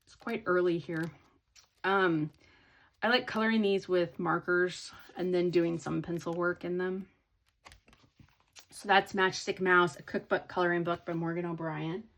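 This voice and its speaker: A woman's voice: fairly low pitch, steady tone, measured pace, fairly bright tone. A woman chatting casually in a hobby haul video, rambling with many ums and restarts. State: sleepy, yawning. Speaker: hobby vlogger.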